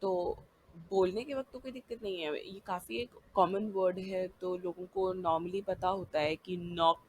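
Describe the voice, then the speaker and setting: A woman teaching English pronunciation in a patient, explanatory lesson and often checking that listeners follow. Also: on the low side.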